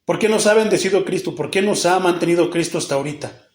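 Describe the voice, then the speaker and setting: Man, pastor, Mexican Spanish accent, sermon, high voice, rhetorical questions, echoey church. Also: quick pace. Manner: rhetorical questions, sudden drops to hushed tones.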